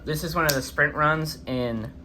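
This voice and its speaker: A man's voice: on the high side, normal speed, bright, forceful tone, a little hiss or hum, rough recording. A man hosting a casual, chatty product review, his speech slightly impeded by a swollen face after having wisdom teeth out. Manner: informal, chatty. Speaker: host of a knife review channel.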